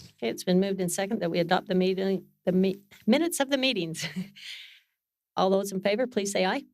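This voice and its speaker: A woman chairing a council meeting in a formal but unscripted way, with halting phrasing and self-corrections. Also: medium pitch, darkish tone, no echo, clean studio sound. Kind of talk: formal meeting facilitation, partly off the cuff. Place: council meeting room, speaking into a microphone.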